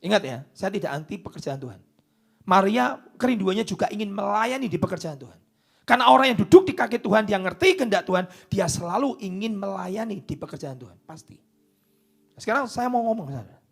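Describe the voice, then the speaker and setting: Pastor preaching on a mic, high raspy voice, goes loud then super quiet. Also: male voice, sing-song, fairly quick. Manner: dramatic swings from loud declarations to hushed whispers. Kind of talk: preaching a sermon. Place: church. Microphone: microphone.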